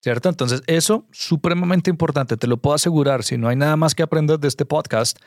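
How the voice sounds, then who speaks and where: A man's voice: fairly high pitch, a little fast, darkish tone, no room sound, clean studio sound. A man, a guest on a podcast, talking earnestly and emphatically as he gives direct advice. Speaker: guest investor. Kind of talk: conversational podcast interview.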